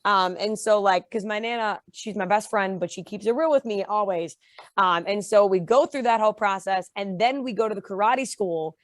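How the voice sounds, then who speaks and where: A young woman guest in a casual interview, telling her story with lively pitch jumps when she acts out quotes. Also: normal speed, dry recording. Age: young adult. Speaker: interview guest, reality show contestant.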